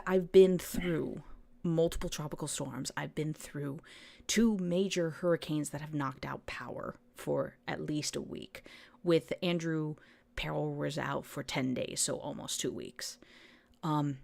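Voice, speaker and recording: A woman on a casual podcast explains what to do in a storm, her voice sitting very low. She stumbles into restarts often but keeps going. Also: takes it slowly, gravelly, a little mellow. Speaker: podcast co-host.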